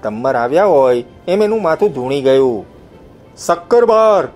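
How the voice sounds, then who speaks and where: A man reading a novel aloud as an audiobook narrator, telling it in first person and lifting his voice for the shouted lines. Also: medium pitch, lively intonation, brisk, soft background music.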